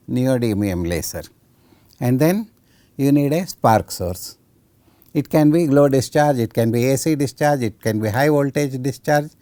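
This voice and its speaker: A man's voice: medium pitch, warm tone, no room sound. A man giving a technical science lecture, didactic, often putting questions and answering them himself.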